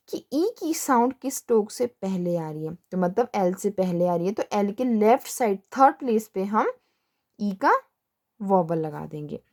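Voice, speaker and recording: A woman's voice: on the high side, a little mellow. A young woman teaching shorthand step by step, patiently asking questions and then answering them herself. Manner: patient, repeats "ठीक है" and asks herself questions. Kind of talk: step-by-step classroom explanation.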